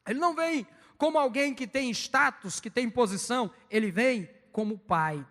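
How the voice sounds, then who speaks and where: A man with a Brazilian Portuguese accent, preaching an evangelistic sermon in a church, fast and emphatic with sudden loud peaks. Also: very high voice, big-room sound.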